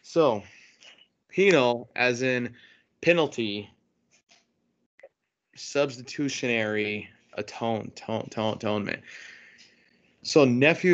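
A man's voice: medium pitch, fairly bright tone, dull audio. A man hosting a casual theological podcast, teaching with stammering restarts and frequent repeated words. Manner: stammering restarts, self-deprecating laughter. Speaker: podcast host.

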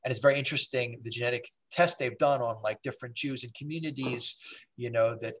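A man with an ordinary mid-range voice, speaking as a rabbi on an interview show. He explains history in an easygoing, rambling way, restarting his sentences and filling pauses. He drifts into side stories before coming back to the point. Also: mid-range voice, fairly even intonation, a bit bright. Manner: digressive, with frequent fillers and restarts.

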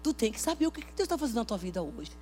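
A woman preaching a Pentecostal sermon at a church service, emphatic, swinging between loud outbursts and hushed talk. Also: fairly high pitch, big pitch swings, very fast, slight background noise.

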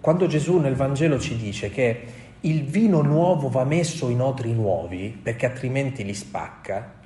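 Male preacher, mid-pitched, passionate sermon delivery with emphatic swells, reverberant church sound. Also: moderate pace, dark tone, a little hiss or hum. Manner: impassioned, rising to emphatic peaks, quoting voices. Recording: echoey room.

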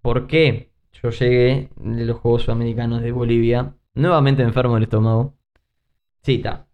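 Uruguayan man, gravelly voice, animated storyteller, muffled lo-fi recording. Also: medium pitch, normal speed. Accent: Uruguayan Spanish. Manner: animated anecdotes with acted-out quotes, frequent fillers. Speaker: guest, former gymnast. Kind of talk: casual interview storytelling. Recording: muffled lo-fi podcast audio.

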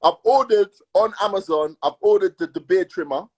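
A man with a London roadman accent telling stories in casual, slangy chat, emphatic and repetitive, with a husky voice. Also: high-pitched, brisk, a little mellow, rough recording. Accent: London urban, roadman. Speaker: podcast co-host.

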